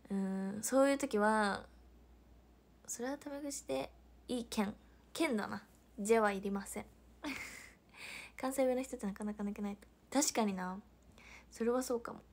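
A woman's voice: fairly high pitch, normal speed, long pauses. Young Hiroshima woman chatting on a stream. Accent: Hiroshima Japanese. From Hiroshima, Japan. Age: young adult. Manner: chatty, reads viewer comments, laughs often. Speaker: idol livestreamer. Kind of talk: casual livestream chat.

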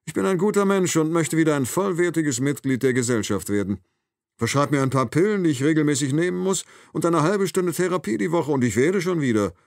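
A man's voice: on the high side, animated, fairly quick, a little mellow, dry recording, studio quality, voice pushed up. A man reading an audiobook, voicing a cold, mocking male killer who taunts his captive with sarcasm.

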